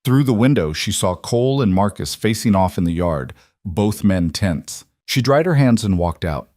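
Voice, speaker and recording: Low-voiced man narrating a story. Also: expressive, moderate pace, darkish tone, no echo, studio quality. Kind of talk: scripted narration of a western romance.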